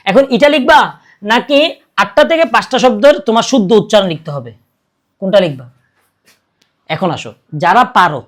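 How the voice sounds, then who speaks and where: Man tutoring with coaxing questions. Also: high-pitched. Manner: coaxing, keeps asking "okay?" and answering his own questions. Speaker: exam prep tutor. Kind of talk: informal video lesson.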